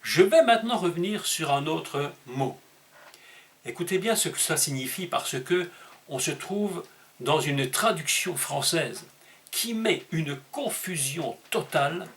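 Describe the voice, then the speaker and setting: Emphatic preacher man, lively pitch. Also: a little hiss or hum. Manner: emphatic teaching tone with dramatic pitch leaps and slowed stressed words; rhetorical questions to the audience. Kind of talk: sermon.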